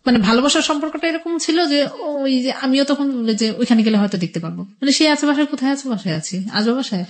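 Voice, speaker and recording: A middle-aged woman with a Bangladeshi accent, high-pitched and lively in intonation, talks quickly as a radio interview guest. She tells the story of her own life in a rambling, colloquial manner, quoting conversations from the past.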